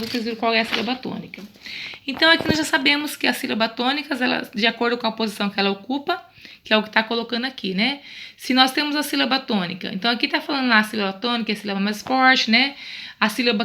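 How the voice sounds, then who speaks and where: A woman's voice: on the high side, sharp tone. A Brazilian woman teacher explaining a grammar lesson patiently, often checking in with her students. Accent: Brazilian Portuguese. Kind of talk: online Portuguese grammar lesson.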